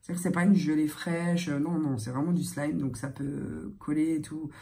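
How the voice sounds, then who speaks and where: A young woman chatting casually in a beauty vlog, halting and hesitant, her voice thick, congested and strained from tonsillitis and a sore throat. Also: sits low, steady tone, vocal fry, dark tone. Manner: hesitant, halting, searching for words. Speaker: beauty vlogger.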